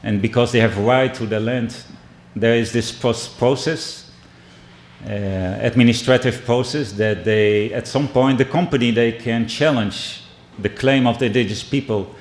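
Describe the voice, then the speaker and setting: Middle-aged dutch guy with a brazilian edge to his english, keynote talk in an echoey hall, pauses and restarts a lot. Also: mid-range voice, fairly even intonation. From Netherlands. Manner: measured, with frequent restarts and pauses. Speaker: keynote speaker. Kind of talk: keynote speech with storytelling. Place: indoor conference hall.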